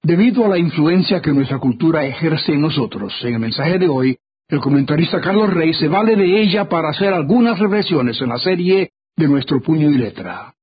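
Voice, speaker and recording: A man's voice: fairly high pitch, expressive, brisk, husky. A man introducing the commentator on a radio program. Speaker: program announcer. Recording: dull lo-fi radio sound.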